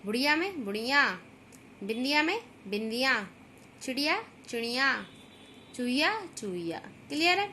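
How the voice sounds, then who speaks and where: Woman grammar teacher with a bright voice, patient and repetitive, checks in often. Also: sits high, sing-song, normal speed, slight background noise. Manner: repeats "ठीक है ना" to check understanding, stretches out example words. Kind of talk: classroom grammar lesson.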